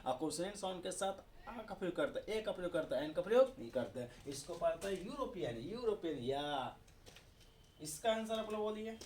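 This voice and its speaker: A man's voice: high-pitched, lively intonation, fairly quick, a little mellow, slight background noise. A man with an Indian accent teaching English grammar, asking questions and repeating the answers himself. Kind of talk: classroom-style video lesson in Hindi.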